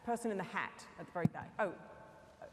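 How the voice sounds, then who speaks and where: Brisk woman moderating a panel in a hall. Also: mid-range voice, darkish tone. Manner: brisk, directing the microphone around. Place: large conference hall. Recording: echoey hall with room noise.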